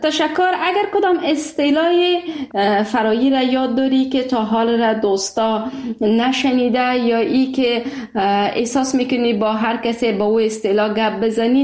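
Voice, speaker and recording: A woman's voice: on the high side, a little mellow, roomy sound. A woman hosting a call-in radio show, chatting cheerfully with a caller and laughing often. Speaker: radio host.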